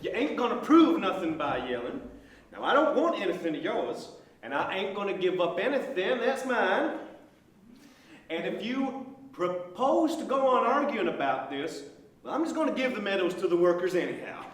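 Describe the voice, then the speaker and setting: A man playing a stubborn, cantankerous landowning father in a comic stage play, blustering and excitable with a Southern US accent. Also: sits high, normal speed. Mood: irritated. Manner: excitable, blustering, name-calling. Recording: echoey, noisy stage recording from far off.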